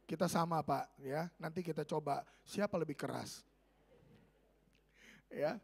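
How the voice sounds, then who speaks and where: Pastor guy, kinda high and a bit raspy, preaching all lively and jokey. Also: a little slow. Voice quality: slightly raspy voice. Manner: animated, joking, swings between loud and soft. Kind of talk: sermon.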